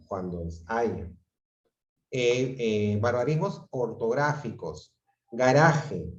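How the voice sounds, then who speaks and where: A man's voice: fairly low pitch, darkish tone. A man teaching an online class, explaining patiently and often checking in with his students. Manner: explanatory, asks the class frequent checking questions. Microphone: computer mic on a video call. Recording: dull, roomy video-call audio.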